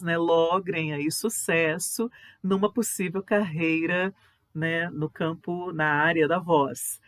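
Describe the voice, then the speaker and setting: A middle-aged woman teaching about voice careers, speaking in a measured way with frequent tag questions. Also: on the low side. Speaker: voice professional answering students. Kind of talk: informal spoken lesson.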